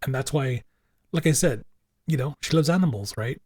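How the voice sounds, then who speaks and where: A man's voice: medium pitch, moderate pace, a little mellow, no echo. Rambling man co-hosting a podcast. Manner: rambling, fills with "you know", repeats himself. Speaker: podcast co-host. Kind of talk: casual podcast chat.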